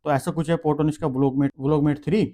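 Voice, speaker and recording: A man's voice: a little high, little pitch movement, measured pace, warm tone, no room sound. A man casually reviewing wireless mics on a clip-on mic, chatty and explaining each step as he handles the gear. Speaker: tech reviewer vlogger. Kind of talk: casual product demo.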